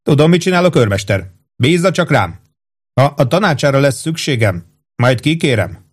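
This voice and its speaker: A man's voice: medium pitch, very animated, slightly rough, voice pushed up. A man reading an audiobook, voicing a pompous, fussy middle-aged army captain with a raised, insistent, self-satisfied voice. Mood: bossy.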